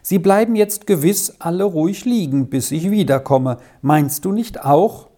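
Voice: medium pitch, a little slow, mellow, voice pushed up, close to an everyday voice. A narrator doing a shy young boy. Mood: timid. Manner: hesitant, polite.

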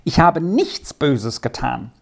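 A woman's voice: deep voice, very animated, takes it slowly, vocal fry, exaggerated voice. A woman voicing an eager young peasant girl who pleads breathlessly and protests indignantly.

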